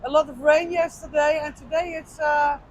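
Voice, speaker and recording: A woman's voice: sits high, fairly even intonation, normal speed, slight background noise, low-quality recording. A woman with a Dutch accent, answering in short, simple phrases and sounding unsure of her English. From Netherlands. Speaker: interviewee. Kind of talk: casual street interview.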